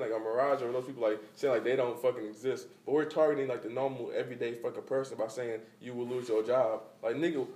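A man's voice: mid-range voice, a little mellow. A man on a casual podcast, ranting emphatically with lots of slang and profanity. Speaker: podcast co-host. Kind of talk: casual chat. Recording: echoey room, mic at a distance.

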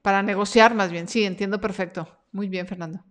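A woman's voice: mid-range voice, steady tone, fairly quick. A woman hosting a live stream Q&A about her freelance workshop, reading viewer comments aloud in a chatty, encouraging way.

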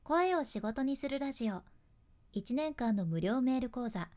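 A woman's voice: sits high, expressive, normal speed, a little mellow. A woman podcast host, a freelance announcer with a Kyushu accent, mixing polished announcer delivery with chatty dialect asides. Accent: Kyushu Japanese. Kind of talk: casual podcast talk with tips.

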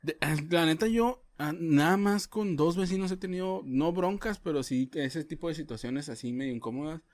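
A man's voice: on the high side, moderate pace. A man with a Mexican Spanish accent, co-hosting a podcast in a casual chat, joking around with slang and short replies. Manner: joking, relaxed, uses slang, brief backchannel replies. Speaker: podcast co-host.

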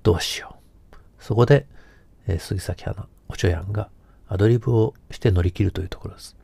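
A man's voice: lowish voice, a little fast, vocal fry, mellow, breathy edge, no room sound. A man hosting a casual solo podcast who talks in a meandering way, hesitating often and correcting himself. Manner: meandering, self-correcting talk with many hesitations. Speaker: podcast host.

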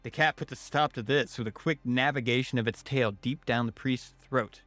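A man's voice: medium pitch, normal speed, a bit bright, no room sound, faint music behind. A man narrating a scripted first-person horror story in a wry manner.

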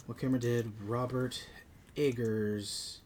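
Male film podcast co-host, average pitch, conversational, halting while hunting for details. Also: steady tone, darkish tone, slight background noise. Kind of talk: casual film discussion.

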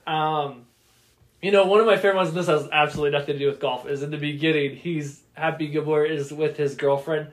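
A man with a fairly high speaking voice chats casually as a podcast co-host. He retells favorite film scenes with plenty of laughter and jumps into quick put-on voices for quoted lines. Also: steady tone. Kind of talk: casual chat about movies.

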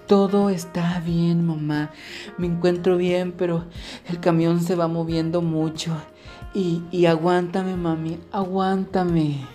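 A man voicing a flustered young woman who is feigning calm on a phone call with her mother, speaking slowly and breathlessly. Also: high voice, faint music behind, pitched above the performer's own voice.

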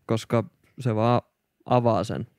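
A man's voice: lowish voice, a little mellow, clean tone, dry recording, studio quality. A man co-hosting a podcast, talking about his music in an earnest, reflective way. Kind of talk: casual chat.

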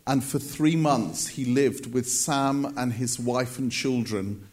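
Man preaching in short storytelling bursts. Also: medium pitch. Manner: storytelling, pauses for translation. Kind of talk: sermon with live interpreter.

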